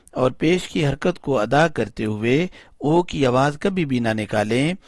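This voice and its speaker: A man with a Pakistani Urdu accent teaching Quran reading, spelling out letters and vowel marks and slowly blending them into words. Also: medium pitch, no room sound, studio quality. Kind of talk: slow syllable-by-syllable recitation lesson.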